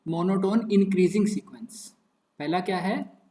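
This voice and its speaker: High-voiced young man teaching maths. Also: normal speed, warm tone. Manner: repetitive, playful, muttering asides. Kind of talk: casual Hindi-English lecture. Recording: echoey room.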